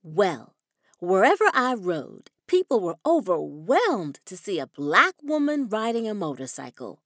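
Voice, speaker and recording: An actress playing a bold, adventurous young woman motorcycle rider who tells her story in a calm, self-assured way. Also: mid-range voice, measured pace, dry recording, clean studio sound. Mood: confident. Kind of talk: audio drama acting.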